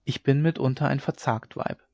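A man reading a gentle, anxious young wife. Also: medium pitch, moderate pace, vocal fry, dry recording. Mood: tender. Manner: soft, hesitant. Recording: dry, dull lo-fi recording.

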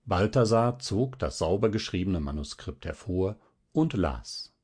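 A man reading a literary audiobook in a measured, expressive storytelling manner. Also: low-pitched, husky. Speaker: audiobook narrator.

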